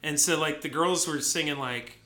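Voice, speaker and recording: A man's voice: a little high, normal speed, bright, forceful tone. A man co-hosting a podcast in a bar, telling stories in a chatty way and laughing often, with a sore throat. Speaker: podcast co-host. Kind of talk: casual chat.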